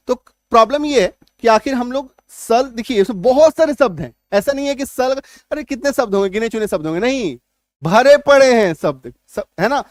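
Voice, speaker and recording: A man's voice: extremely high pitch, no echo. Man teaching spelling, dry close sound. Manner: explains slowly, spells words letter by letter, keeps asking "है ना?". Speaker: English teacher. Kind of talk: online spelling lesson.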